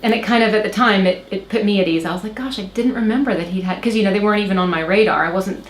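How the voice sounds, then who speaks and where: Her mid-range voice racing very fast, an Oklahoma woman in her thirties, an interview guest, recounts a personal story hesitantly, stumbling through fillers and restarts. She sounds American with a slight Irish lilt, recorded in an echoey room with faint background noise.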